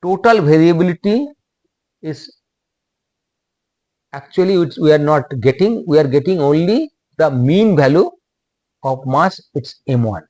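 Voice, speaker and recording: A man with an Indian English accent giving a technical lecture, speaking in short halting phrases and repeating himself. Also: on the high side, expressive, mellow, no room sound.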